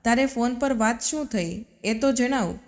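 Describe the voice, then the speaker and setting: A woman voicing a gentle middle-aged mother who coaxes and soothes her daughter, in a storybook reading. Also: on the high side, unhurried, close to an everyday voice. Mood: soothing. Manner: soothing, coaxing. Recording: long reverb.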